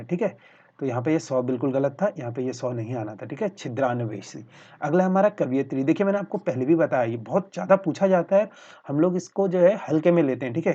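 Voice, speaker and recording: A man's voice: medium pitch, mellow. A man teaching a Hindi spelling lesson for exam aspirants, spelling words out syllable by syllable and repeating a filler phrase as he asks and answers his own questions. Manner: talks to viewers as friends, asks questions then answers them. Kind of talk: spelling lesson over slides. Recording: dull lo-fi voice-over.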